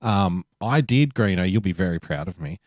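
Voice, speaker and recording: A man's voice: deep voice, expressive, moderate pace, dry recording, studio quality. A man with an Australian accent, co-hosting a podcast in casual chat, joking and laughing as he tells a story. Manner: jokey, laughs often, playful asides. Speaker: podcast co-host.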